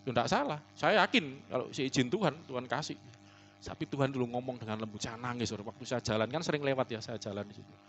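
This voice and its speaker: A male pastor preaching a conversational sermon, telling stories and often calling his listeners "saudaraku", moving between loud emphasis and soft, hushed asides. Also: medium pitch, quick pace, slight background noise. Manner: chatty, storytelling, often calls listeners "saudaraku". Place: church service.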